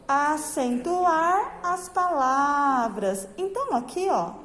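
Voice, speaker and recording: A woman teacher explaining a lesson to young pupils, speaking through a face mask in slow, drawn-out phrases and checking in with the class often. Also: high voice, darkish tone, big-room sound, poor audio. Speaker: primary school teacher. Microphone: phone camera.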